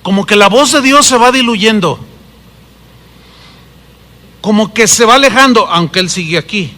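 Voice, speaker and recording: A Mexican Spanish-accented pastor preaches with a high, bright, ringing voice. He swings from loud, quick bursts to hushed, drawn-out phrases. He is animated and full of drama. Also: long reverb tail. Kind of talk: sermon.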